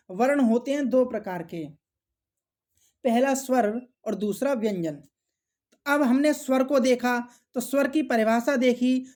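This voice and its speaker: A woman teaching an exam-prep grammar lesson, repeating key points and answering her own questions, clearing her throat often. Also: a little high, darkish tone. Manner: slow, repetitive, asks and answers own questions; addresses viewers as friends.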